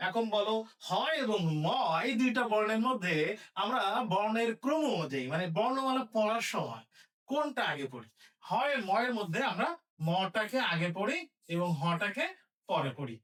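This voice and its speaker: A man teaching an online lesson, spelling words out slowly syllable by syllable and asking his students questions as he goes. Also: sits high, sing-song, a bit bright, far from the mic.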